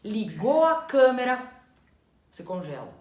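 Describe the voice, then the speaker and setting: A woman co-hosting a casual explanatory chat, animated and acting out inner thoughts in quotes. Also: on the high side, a little slow. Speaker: co-host. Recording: echoey room.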